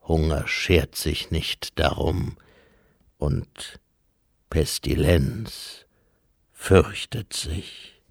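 Death speaks slowly in a hushed, grave tone, as a male audiobook reader puts him on. The voice is pitched low with a gravelly rasp, and it is recorded dry and close. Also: dry recording, exaggerated voice. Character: Death, solemn calm male skeletal being. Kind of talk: audiobook character voice.

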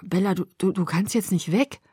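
A woman's voice: fairly high pitch, lively intonation, brisk, darkish tone, no echo, studio quality. A woman reading an audiobook, voicing a worried middle-aged father who stammers and pleads. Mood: pleading. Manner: stammering, anxious.

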